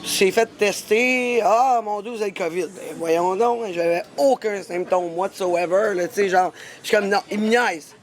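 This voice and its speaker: A woman's voice: mid-range voice, moderate pace, hardly any pauses. A woman with a Québécois accent, telling a story in a casual street interview with lots of exclamations. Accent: Québécois French. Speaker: interviewee, traveler. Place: outdoors in a busy street. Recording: loud crowd noise behind.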